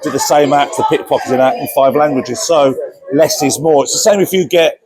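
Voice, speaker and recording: Husky man giving relaxed advice. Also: on the high side, fairly quick. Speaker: magician and guest. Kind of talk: casual chat.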